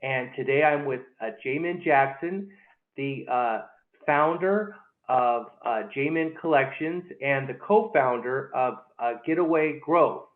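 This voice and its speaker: A man hosting an interview, talking haltingly with many fillers and repeated words. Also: mid-range voice. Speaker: interview host. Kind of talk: casual interview. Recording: echoey, tinny phone-like line.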